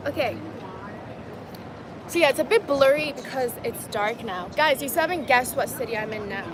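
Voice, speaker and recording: A woman with a high, animated voice chats casually at a normal pace on a livestream, reading viewer comments aloud, laughing easily and calling her audience "guys." She's a vlogger reading live chat outdoors in a city at dusk. Street and traffic noise comes through clearly on the stream.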